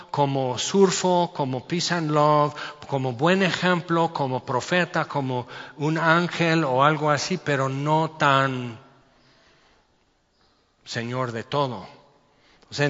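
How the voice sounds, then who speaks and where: Mexican preacher in a reverberant hall. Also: male voice, on the high side, fairly bright tone. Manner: conversational, explains verses with rhetorical questions. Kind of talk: sermon with scripture reading. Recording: dull lo-fi sound with long hall reverb.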